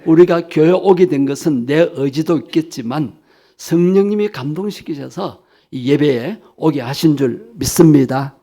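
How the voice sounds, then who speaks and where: A man preaching a sermon in a fairly high, gravelly voice. He speaks earnestly to his congregation and lifts his voice with emphasis when he voices the words of Jesus. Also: moderate pace, warm tone. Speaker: pastor.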